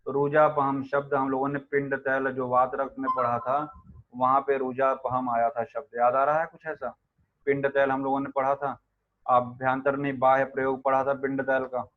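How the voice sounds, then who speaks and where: A man lectures to students on Ayurveda in an even, level tone, stopping to chant Sanskrit verses and to press the class with quick questions. His voice comes through narrow and tinny, like a phone line, and sits at an ordinary middle pitch.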